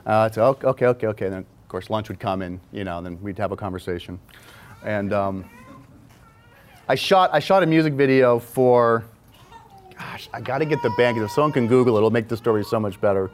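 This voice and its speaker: A man's voice: fairly low pitch, a little fast. A man, a film director, casually telling an anecdote in a rambling way with frequent restarts. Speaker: music video and film director, guest.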